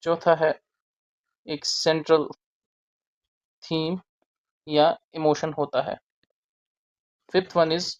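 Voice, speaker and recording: A teacher explaining a literature topic in a deliberate lesson, spelling out key terms word by word. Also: mid-range voice, highs cut off.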